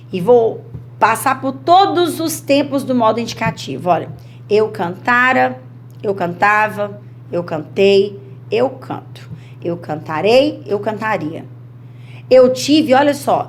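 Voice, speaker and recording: Animated Brazilian woman teaching grammar. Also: a little high, a little hiss or hum. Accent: Brazilian Portuguese. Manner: animated, chatty, acts out student worries. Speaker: Portuguese teacher. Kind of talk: lively exam-prep grammar lesson.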